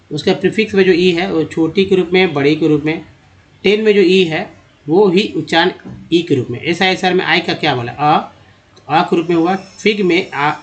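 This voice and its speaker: A man with a slightly higher voice teaches English reading over lesson slides. He works step by step, pausing to repeat each example word slowly. He speaks to his viewers as friends. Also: lo-fi sound. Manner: explains step by step, often addressing viewers as friends.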